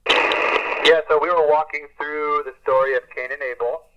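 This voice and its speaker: A man giving an earnest, unhurried field report over a walkie-talkie radio link, ending each turn with "over" and often pausing with "uh". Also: on the high side, steady tone, heavy background noise. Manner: earnest, unhurried, with many "uh" fillers. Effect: heard over a walkie-talkie radio link. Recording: dull lo-fi radio transmission.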